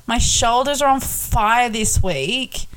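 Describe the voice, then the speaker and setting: A woman's voice: a little high, slow pace, fairly bright tone, clear, resonant tone. A woman in her twenties with a broad Australian accent, chatting casually as a podcast host, blunt and slangy with plenty of swearing. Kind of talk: casual chat.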